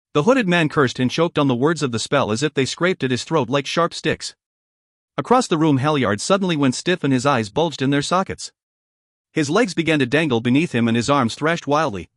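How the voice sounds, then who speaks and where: A man's voice: on the high side, dry recording, clean studio sound. Man narrating a fantasy audiobook.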